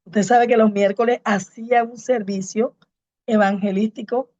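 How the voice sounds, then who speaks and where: A woman's voice: a little high, steady tone, normal speed, darkish tone, no room sound, highs cut off. A woman pastor and evangelist, giving a fervent preaching testimony to a congregation and repeating her key phrases. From Colombia.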